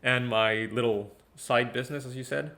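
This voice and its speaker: A man's voice: mid-range voice, moderate pace. Young man from Ecuador, chatty guest. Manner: relaxed, chatty, frequent fillers and repeats. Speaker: guest musician. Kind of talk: casual interview talk.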